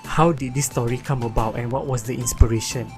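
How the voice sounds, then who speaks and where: A man opens a casual podcast and guides the chat with easygoing questions. His pitch sits in the middle, and faint music plays behind him. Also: fairly even intonation, brisk. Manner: friendly, steering the talk with questions. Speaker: podcast host.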